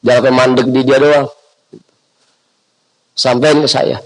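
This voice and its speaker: A man's voice: mid-range voice, little pitch movement, a little slow, low-quality recording. A man preaching informally to a prayer gathering, joking with listeners and spelling out Arabic letters. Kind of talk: informal religious study sermon.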